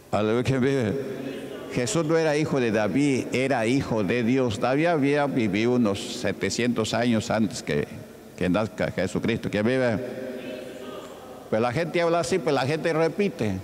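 Pastor guy preaching, keeps asking the crowd stuff, acts out bible voices, big echoey church, faint hum behind. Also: medium pitch. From Peru. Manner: calls out rhetorical questions to the congregation, acts out voices of Bible figures. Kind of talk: sermon. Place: church hall. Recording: reverberant church hall with faint ambient noise.

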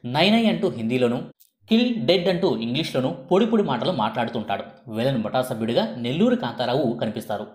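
Lively male narrator in an echoey room. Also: medium pitch, quick pace. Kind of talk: scripted documentary narration.

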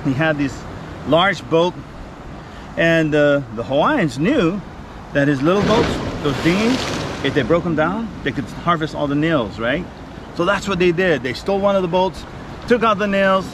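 A man telling stories informally as a local guide outdoors by the sea, acting out bits of dialogue with pauses. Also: a little high, lively intonation. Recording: outdoor wind and boat-like ambient noise.

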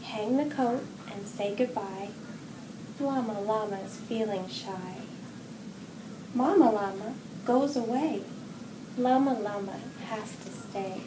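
A middle-aged woman, a hospital executive assistant, reads a picture book aloud to young children, expressive and deliberate, in a medium-pitched voice. She's in an indoor room decorated on the walls, with a distant mic catching roomy echo and clear background noise.

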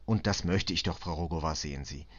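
A man playing a patient middle-aged police inspector, speaking calmly, clearly and reassuringly. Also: low voice, a little fast, dull audio.

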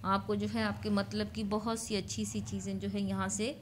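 A woman's voice: mid-range voice, level tone, moderate pace, slight background noise. Chatty woman touring a flea market. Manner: chatty, leans on the filler "jo hai" a lot. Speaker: vlogger. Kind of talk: casual shopping vlog narration. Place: open-air flea market stalls outdoors.

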